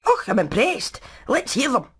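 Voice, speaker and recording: In a fairly high, bright, breathy voice, a woman gives a very animated, full character performance as a brainy, practical hen engineer in a video game. She uses a Scottish accent, speaks at a moderate pace, and sounds thoughtful, with a technical, matter-of-fact delivery.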